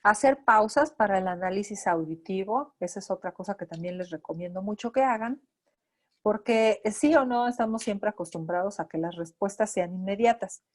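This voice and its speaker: Una mujer con acento mexicano, terapeuta auditivo-verbal, da una clase a residentes y explica con ejemplos prácticos. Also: female voice, medium pitch, normal speed. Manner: explanatory, acts out examples of talking to children. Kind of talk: lecture.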